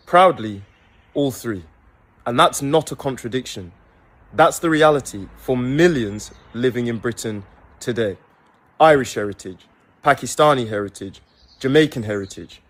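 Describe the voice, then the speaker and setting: A man's voice: mid-range voice, lively intonation, measured pace, long pauses, fairly bright tone. A man giving an emphatic, rallying public speech, played as a clip. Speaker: speaker at a rally.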